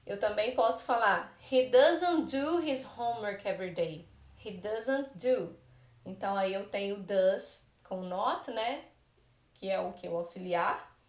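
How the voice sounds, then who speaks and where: A woman's voice: mid-range voice, normal speed, echoey room. A Brazilian woman teaching English grammar in Portuguese, patiently explaining and often checking in with her students. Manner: explains patiently with frequent "né?" and "tá bom?" check-ins. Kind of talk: classroom-style grammar lesson. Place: room where she writes on a board.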